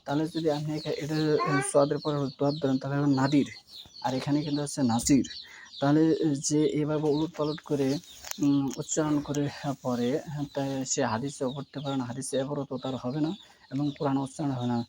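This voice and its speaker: A man teaching Quran pronunciation in a halting, insistent way, with many filler pauses and restarts. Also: on the high side, little pitch movement, darkish tone, a little hiss or hum. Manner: insistent, challenging. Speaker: religious teacher.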